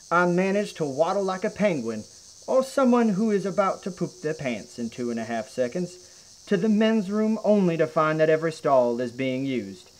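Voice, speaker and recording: A man's voice: fairly high pitch, low-quality recording. A man with a Southern US accent reads a humorous story aloud in a theatrical, earnest storytelling manner. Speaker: reader of humorous reviews. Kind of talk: comic dramatic story reading.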